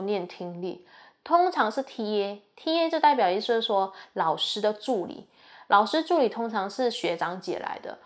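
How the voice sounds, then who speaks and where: A young woman from Malaysia, a university student chatting earnestly as she shares her experience and gives advice. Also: medium pitch. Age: young adult. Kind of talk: casual advice talk.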